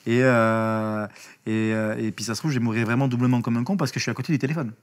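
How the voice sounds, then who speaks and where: A man speaking as an interview guest, telling a story in a casual, lively way, with slang, swearing and many restarts. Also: mid-range voice, fast.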